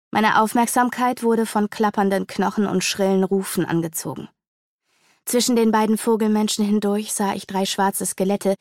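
A woman narrates a fantasy novel with vivid, dramatic storytelling. Her voice sits at a middle pitch for a woman. The recording is dry and close, with no room sound. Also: darkish tone, dry recording. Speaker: audiobook narrator.

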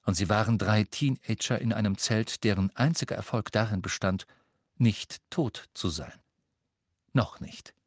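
A man narrating a story aloud in a dramatic, expressive reading. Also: on the low side, unhurried, husky, dry recording, studio quality. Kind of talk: audiobook reading.

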